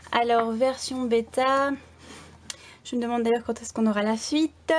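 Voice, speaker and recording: A young woman giving a casual bookshelf tour, chatty and hesitant with many fillers and restarts. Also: fairly high pitch. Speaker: book blogger.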